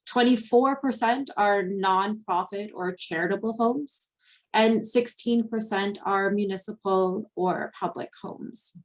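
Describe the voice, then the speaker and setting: A young adult woman presents a slide webinar at a middle pitch. She explains things step by step and pads her sentences with frequent ums and fillers. Her delivery stays informal and conversational. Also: unhurried. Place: Ontario.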